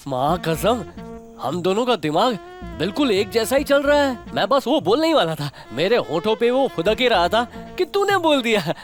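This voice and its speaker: A man's voice: high-pitched, very animated, normal speed, faint music behind. A man playing a cocky, street-smart fixer in a dubbed action-comedy film, delivering brash, taunting Bollywood hero dialogue. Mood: playful bluffing.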